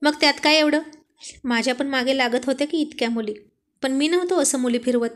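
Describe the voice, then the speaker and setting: A woman doing a jealous young husband and boss in a spoken storybook, irritable and blustering. The voice stays high-pitched. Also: moderate pace, lightly acted. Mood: irritated.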